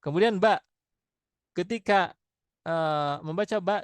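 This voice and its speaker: Male recitation teacher, slow and methodical, sounds out letters, dry close sound, voice a bit high. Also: clean tone, no room sound. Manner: slow, repetitive, demonstrates letter sounds aloud. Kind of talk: classroom tajwid lesson.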